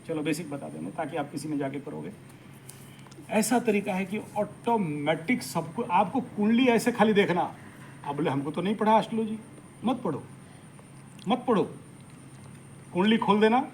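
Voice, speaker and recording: High-voiced, animated male astrology teacher. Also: slight background noise, rough recording. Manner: animated, emphatic, mixes English phrases into speech. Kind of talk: live workshop lecture.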